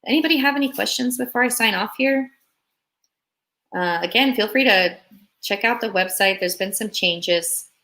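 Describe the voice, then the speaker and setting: A woman's voice: mid-range voice, normal speed, bright, forceful tone. A young woman, born in Russia, chatting upbeat with viewers on a live stream as a relocation consultant. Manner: upbeat, chatty, reads viewer comments aloud.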